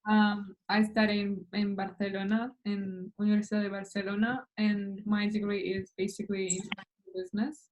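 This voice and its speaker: A woman's voice: medium pitch, flat delivery, normal speed, darkish tone. A young woman from Russia, a university student, introducing herself matter-of-factly on a video call. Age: young adult. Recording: dull lo-fi call audio with faint noise.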